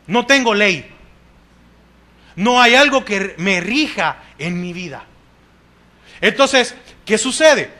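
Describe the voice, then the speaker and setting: With a high-pitched, pushed and bright voice, a Salvadoran-accented man delivers a sermon in church. He keeps asking the congregation questions, then responds to them himself with repeated cries of "amén."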